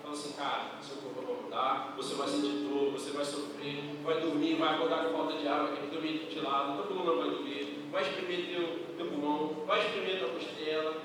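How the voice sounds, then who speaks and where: A young Brazilian man preaching a youth service sermon in slangy, casual speech that builds to loud, impassioned delivery. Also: a little high, steady tone, a little fast, few pauses, background noise. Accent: Brazilian Portuguese. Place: church hall. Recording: roomy church hall from far off, music behind.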